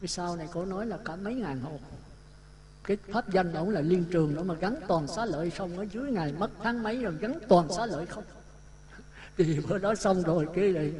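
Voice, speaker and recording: A man with a Southern Vietnamese accent, a Buddhist monk telling a lively story in a sermon and acting out the dialogue. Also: high-pitched. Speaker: Buddhist monk giving a dharma talk. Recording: talk with audience sounds behind. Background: listeners laughing.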